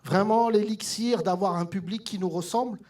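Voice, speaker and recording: A man doing a stand-up comedy set on stage, telling stories with lively delivery and mimicking his mother. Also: high-pitched, moderate pace. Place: theatre stage with audience laughter.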